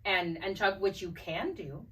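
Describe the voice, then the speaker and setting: A woman's voice: medium pitch, measured pace, a bit bright, recorded from a distance, slight background noise. A young woman co-hosting a podcast in casual chat, bubbly and rambling, laughing often. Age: young adult. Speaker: podcast co-host.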